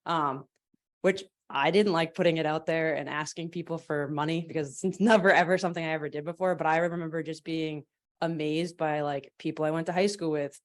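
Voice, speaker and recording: A woman on a panel giving informal, reassuring and encouraging advice to a group. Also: sits low. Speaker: panel speaker.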